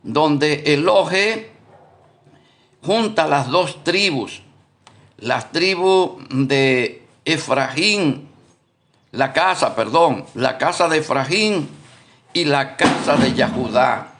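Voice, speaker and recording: A man leads a Bible study with an unhurried, drawn-out delivery and a gravelly edge to his fairly high voice. He goes back over his points, corrects himself mid-sentence, and keeps stopping to ask if his listeners are following. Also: lively intonation, fairly bright tone. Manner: deliberate, repetitive, often asks "¿Vio?"; self-correcting, thinks aloud. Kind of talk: live-streamed Bible study talk.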